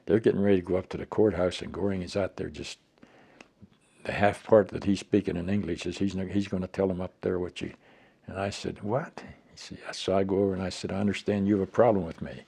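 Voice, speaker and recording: A man's voice: sits low, steady tone, quick pace, creaky, mellow, slightly rough. An elderly American man, a veteran remembering his service in a plain-spoken way, telling anecdotes and acting out the dialogue. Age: older, elderly. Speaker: war veteran being interviewed.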